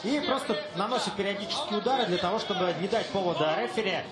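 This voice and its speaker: A man commentating live on a fight, explaining the action in halting phrases. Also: high voice, expressive. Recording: echoey, loud music and crowd.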